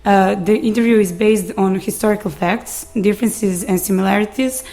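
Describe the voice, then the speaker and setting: A young woman with a Serbian accent presents a radio segment in English, her first language being Serbian. She moves steadily through lists of names and topics with a few small hesitations, at a mid-level pitch. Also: fairly even intonation, moderate pace, dark tone. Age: 20s. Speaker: youth exchange participant presenting a radio piece. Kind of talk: prepared radio introduction.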